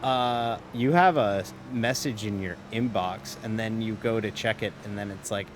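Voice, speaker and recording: Racing a sim car on a live stream, a man rambles casually between driving calls in a lowish voice over background noise. He often restarts his sentences, interrupts himself and is quick to laugh.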